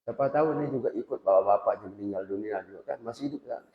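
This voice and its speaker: A man with a lowish voice speaks fast as he teaches boarding school students an informal religious lesson, chatting with them and putting questions straight to them. The recording in the prayer hall is echoey, dull, and lo-fi.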